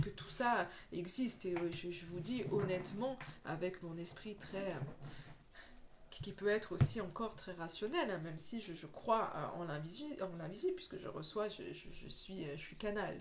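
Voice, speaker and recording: A woman's voice: on the low side, a little hiss or hum. A woman who works as a medium, talking in a casual spiritual vlog, rambling earnestly with many restarts. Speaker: medium giving oracle card readings.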